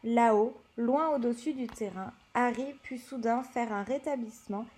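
A woman's voice: on the high side, moderate pace, a little mellow. A woman reading a novel aloud, with occasional slips and self-corrections. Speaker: reader.

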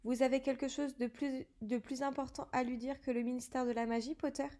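A woman's voice: high voice, level tone, fairly quick, warm tone, lightly acted. A woman voicing a strict older female professor who speaks coldly and clipped. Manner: cold, clipped.

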